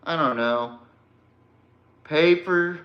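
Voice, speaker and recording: The voice is on the high side and extremely slow, and the audio sounds dull and echoey. It's a man on his sports podcast, bluntly confronting a rival in a slang-heavy, informal rant.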